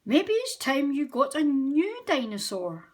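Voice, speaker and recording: A woman reading aloud, voicing a jolly father pig from a cartoon storybook, loud and hearty. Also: high voice, very animated, a little slow, voice pushed up. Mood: cheerful.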